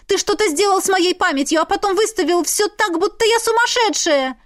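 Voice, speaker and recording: Woman voicing a frantic pleading young heroine. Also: brisk. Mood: furious. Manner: shrill, pleading outbursts.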